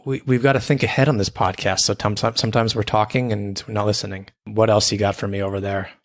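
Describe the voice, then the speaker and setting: A man's voice: on the low side, little pitch movement, fast talker. A young man co-hosting a podcast, easygoing and rambling, often restarting his words. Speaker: podcast co-host. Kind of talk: casual chat.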